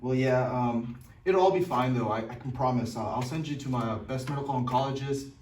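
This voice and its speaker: A man's voice: medium pitch, a little fast, a little mellow, close to an everyday voice. A man playing a dismissive doctor who delivers bad news bluntly and casually in a role-played consultation. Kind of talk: amateur role-play of a medical consultation. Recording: echoey room, distant mic, faint noise.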